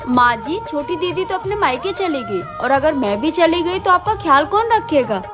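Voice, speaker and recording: A woman's voice: high-pitched, big pitch swings, normal speed. A woman playing a devoted young daughter-in-law who speaks respectfully to her mother-in-law. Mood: dutiful. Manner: respectful and soft. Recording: faint music behind.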